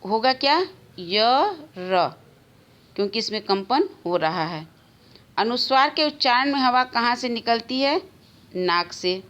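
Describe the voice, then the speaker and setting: A woman teacher giving a recorded grammar lesson to schoolchildren, slowly repeating the key answers. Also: fairly high pitch, animated, a bit bright.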